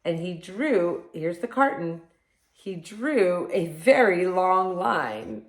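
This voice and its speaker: A woman hosting a read-aloud for young children like a kids' show host, talking straight to them in simple words and expressive questions. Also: on the low side, takes it slowly. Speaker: kindergarten teacher reading picture books to children. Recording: echoey room sound.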